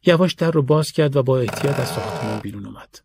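A man reading a story aloud in a steady, measured audiobook narration. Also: medium pitch, gravelly, background noise.

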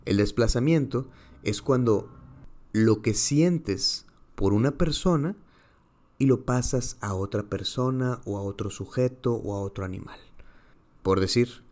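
A man's voice: medium pitch, unhurried, a little mellow. A man, a psychologist explaining ideas with small acted-out dialogues. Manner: acts out little dialogues in varied voices.

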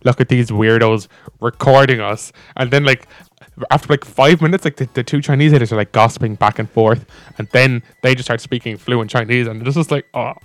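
Retelling and reading stories as a co-host in a laid-back chat, this man rambles and leans heavily on fillers like "like." His mid-range voice is fairly quick with fairly even intonation, and the recording is dry.

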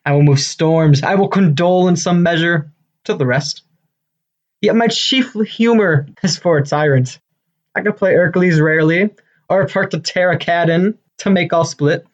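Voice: mid-range voice, normal speed, highs cut off, close to an everyday voice. Bombastic Nick Bottom, a boastful weaver actor's role. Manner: bombastic, declamatory, self-important. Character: Bottom, boastful, eager amateur-actor weaver, adult man. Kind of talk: Shakespearean comedy acting.

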